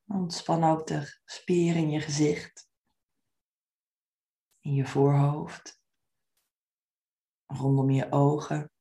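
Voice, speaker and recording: A woman leading a guided meditation in a soft, soothing manner, with gentle, unhurried phrasing. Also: low voice, little pitch movement.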